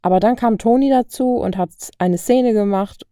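A woman's voice: a little high, moderate pace, warm tone, no room sound, clean studio sound, pitched above the performer's own voice, lightly acted. A woman reading a story aloud, voicing a cheeky, tough young woman who banters and boasts playfully. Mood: boastful, playful. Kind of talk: audiobook reading of fan fiction.

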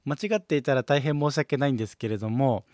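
A man's voice: medium pitch, darkish tone, no room sound, clean studio sound. Polite Kansai man hosting a podcast. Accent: Kansai Japanese. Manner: polite and measured, with frequent hesitation fillers. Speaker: podcast host. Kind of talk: solo podcast chat, reading listener mail.

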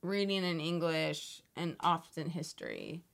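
A woman's voice: sits low, wildly swooping pitch, measured pace, creaky. A woman co-hosting a podcast, chatty and sympathetic, often finishing her co-host's sentences. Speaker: podcast co-host. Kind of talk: casual chat.

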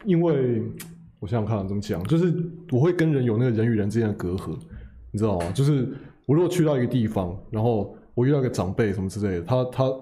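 A young man, telling a story in casual chat. His voice is very dark and mellow, and he rattles along quickly, restarting phrases and laughing at himself. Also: medium pitch, animated, slight background noise. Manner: rambling, self-correcting, laughs at himself. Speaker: podcast co-host.

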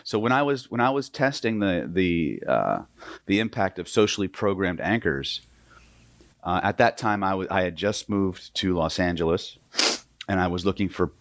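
Low-voiced guy from oklahoma teaching a hypnosis seminar, punchy, keeps going "right?", dry close sound. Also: no echo. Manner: emphatic, peppered with rhetorical "right?". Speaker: hypnosis instructor. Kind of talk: seminar lecture to a live audience.

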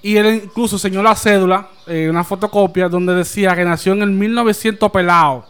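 High-pitched Dominican male podcast host. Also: steady tone, a little fast, fairly bright tone, clean tone. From Dominican Republic. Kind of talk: casual chat.

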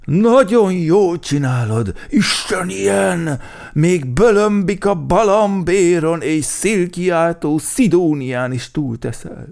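Man doing Medve Medárd, a high, grumpy storybook bear. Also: creaky. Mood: flattering. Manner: scolding, flattering. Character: grumpy scolding male bear.

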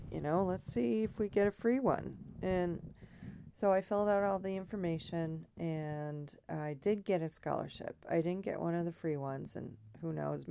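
A woman with a scratchy, hoarse frog voice, talking casually and reflectively in a rambling personal monologue. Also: low voice, mellow, dry recording. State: throat trouble, hoarse.

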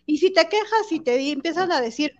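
A woman's voice: extremely high pitch, animated, fairly quick, muffled recording. A woman co-hosting a radio show, teasing her partners and leading the topics. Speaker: radio co-host. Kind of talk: casual radio chat.

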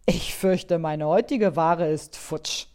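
A woman's voice: fairly low pitch, slow, a little mellow. A woman voicing a friendly middle-aged male fruit seller in a children's storybook, chatty and easygoing.

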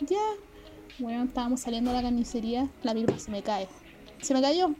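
A woman's voice: a little high, a little fast, noisy background. A woman with a Chilean accent casually telling childhood anecdotes, full of slang and swearing and laughing as she goes. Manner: slangy, swears often, laughs through stories. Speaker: storyteller.

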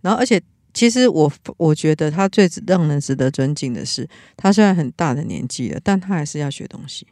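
A podcast host speaks in a relaxed, reflective chat, with a gravelly creak in the voice. Thoughts come out rambling and earnest, full of restarts. The sound is dry and close, with no room around it. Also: medium pitch, a little fast, no room sound.

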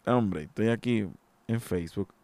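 A man's voice: fairly low pitch, a little slow, darkish tone. Indignant man ranting. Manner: indignant, emphatic, exasperated. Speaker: podcast host. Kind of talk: solo opinion monologue.

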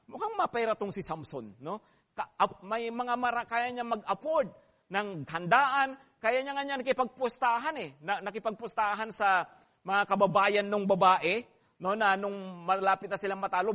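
A male pastor preaching a sermon, animated and playful, laughing between points and checking in with the congregation. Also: high voice. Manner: animated, mixes Tagalog and English, asks the congregation "di ba?".

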